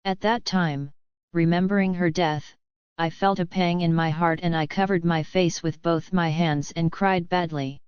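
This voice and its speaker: A woman narrating a story in a steady, even reading voice. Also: fairly low pitch, unhurried, clean tone, no echo, lo-fi sound.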